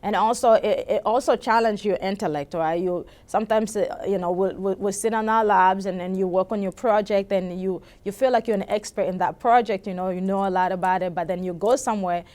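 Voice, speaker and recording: A woman's voice: medium pitch, steady tone, a little fast, few pauses, darkish tone. A young woman from the Congo, a PhD student, telling her story at a conference booth in an earnest way with many fillers and restarts. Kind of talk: recorded personal story.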